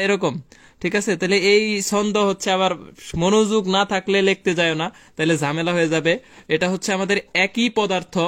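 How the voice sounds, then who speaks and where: A man's voice: high voice, fairly bright tone. A young man tutoring physics in a live online class, chatty and colloquial, repeating key terms and asking students questions. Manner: repetitive, asks students questions and reads their answers.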